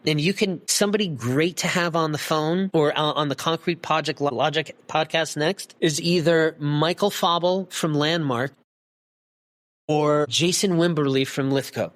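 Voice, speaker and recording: A passionate man holding forth as a podcast guest, his voice sitting a little high for a man. He talks emphatically and with heat, throwing in a swear word here and there. He is heard over a video call. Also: a bit bright. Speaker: guest expert.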